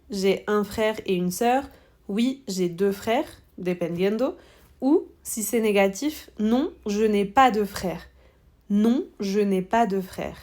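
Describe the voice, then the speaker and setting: A woman teaching a French exam-prep lesson, speaking slowly and deliberately and repeating model answers for students. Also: mid-range voice, dark tone.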